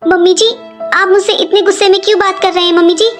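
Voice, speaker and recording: A performer voicing a sad, pregnant young daughter-in-law who pleads and complains softly in a cartoon story. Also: very high-pitched, fairly even intonation, fast, over music. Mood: plaintive. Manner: plaintive, pleading. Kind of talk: animated cartoon voice acting.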